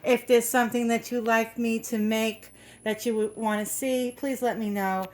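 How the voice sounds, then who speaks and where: A woman's voice: fairly high pitch, flat delivery, normal speed. A middle-aged woman hosting a craft video from her home, chatting casually with lots of fillers and restarts, a little out of breath. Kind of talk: casual show-and-tell.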